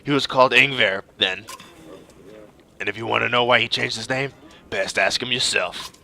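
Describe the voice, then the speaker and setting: A man voicing a weary, gruff old male giant chieftain from a fantasy game. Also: mid-range voice, moderate pace, sharp tone, voice pushed down.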